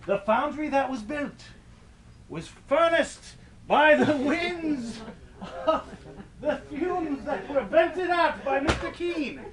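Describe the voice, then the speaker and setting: A man's voice: very high-pitched, expressive, takes it slowly, a crowd in the background, full character voice. A man playing a macabre ghost tour storyteller, narrating comic horror in a theatrical, wordy, mock-grandiose way. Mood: loud, gleeful. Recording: distant mic, light background noise.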